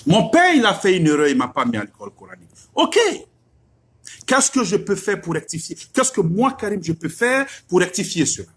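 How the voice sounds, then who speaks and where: A middle-aged preacher speaks. His husky voice sits high and leaps with lively swings of pitch. He drives his point home through repeated rhetorical questions. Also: fairly quick. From West Africa. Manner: emphatic, rhetorical questions, repeats lines for effect. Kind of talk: religious exhortation.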